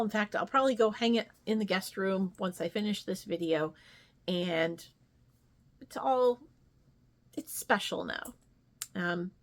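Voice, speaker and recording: A craft vlogger chats casually while showing off her stitching projects, rambling and thinking aloud, often ending with trailing tag questions. Her voice is fairly high-pitched and a bit bright.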